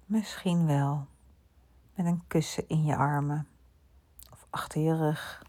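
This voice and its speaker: A woman guiding a listener through a slow sleep relaxation, speaking softly and often in a whisper. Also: low-pitched, fairly even intonation. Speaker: sleep meditation guide.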